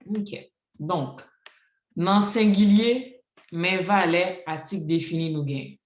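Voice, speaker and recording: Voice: mid-range voice, slow pace. Teacher, patient, walks through rules with examples, lots of ok donc, roomy echo. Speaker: Haitian Creole teacher. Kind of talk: classroom grammar lesson.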